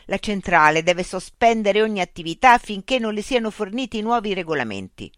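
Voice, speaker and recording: A man's voice: fairly high pitch, moderate pace, pushed and bright, clear, resonant tone, no room sound, studio quality. A narrator voicing a frustrated man who argues with a machine in an exasperated, insistent way. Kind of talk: audiobook character voice.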